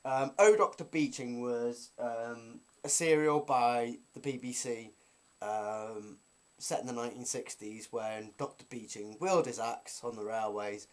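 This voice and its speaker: A man's voice: mid-range voice, a little slow. A man chatting casually to his viewers as a vlogger, in a rambling, self-deprecating way.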